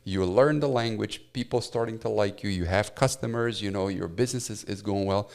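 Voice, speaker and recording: A man's voice: on the low side, a little fast, creaky, darkish tone. A man in his forties, born in Romania and a native Romanian speaker, telling his life story as a podcast guest in an earnest, heartfelt way with many "uh" fillers. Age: 40s. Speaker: guest, professor. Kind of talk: personal testimony in a podcast interview.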